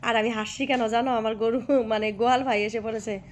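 A hoarse woman vlogging by a cowshed, chatting affectionately with her viewers and often asking if they follow. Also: fairly high pitch, fairly even intonation, brisk, slight background noise. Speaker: village life vlogger. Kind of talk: casual vlog chat to viewers.

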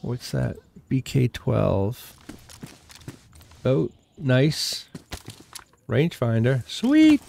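This gaming YouTuber is an older man from New England whose Boston accent colors his relaxed, muttered commentary while he loots in a survival game. He speaks at a medium pitch, extremely slowly, with a creaky voice and long pauses. A slight hiss or hum sits under the audio.

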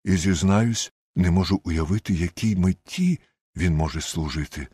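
A man with a husky voice reading the part of Dr. Watson, an earnest, eager middle-aged companion who exclaims and asks astonished questions. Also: low voice, normal speed, warm tone, no echo, clean studio sound. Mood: puzzled. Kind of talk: audiobook character reading.

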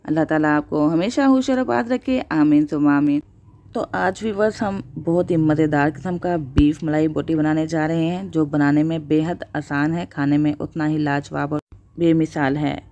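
Low-pitched woman, calm step-by-step recipe voice-over for her own channel. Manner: steady instructional narration with religious blessings. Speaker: cooking channel host. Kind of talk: voice-over cooking tutorial.

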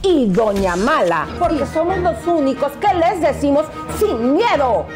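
High playful woman over music. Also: sing-song, measured pace. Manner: playful, sing-song. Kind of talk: show promo announcement.

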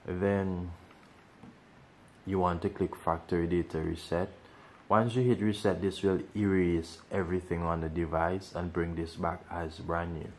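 A man's voice: deep voice, flat delivery, measured pace, a little hiss or hum. A man hosting a casual how-to video, explaining each step and repeating instructions as he goes. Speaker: tech tutorial host.

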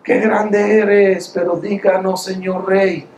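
A man voicing an insolent male tailor who shouts down at a king from an upper window, in an echoey room. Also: high-pitched, level tone, takes it slowly, slight background noise, pitched above the performer's own voice. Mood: mocking.

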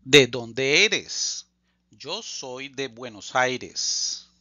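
A man teaching a language lesson, reading phrases slowly and deliberately and repeating them for learners. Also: medium pitch, expressive, sharp tone, dry recording, muffled recording. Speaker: Spanish teacher. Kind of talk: slow scripted language lesson.

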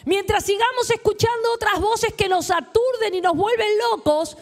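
An Argentine woman preacher with a Rioplatense Spanish accent leads her congregation in prayer and call-and-response during a sermon. Her voice is extremely high-pitched, echoing through a large church hall.

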